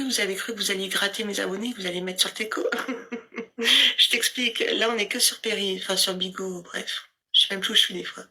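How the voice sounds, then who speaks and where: A woman's voice: medium pitch, pushed and bright. A woman livestreaming from her phone, ranting at rivals in a boastful, taunting way. She keeps repeating "you understand?" and drops into scornful mutters and whispers.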